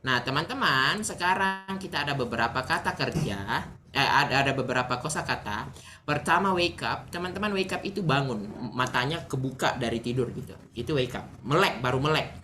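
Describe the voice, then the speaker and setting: A woman's voice: a bass voice, animated, brisk. A woman teaching English to an online class over a video call, explaining patiently step by step and often checking in with her students.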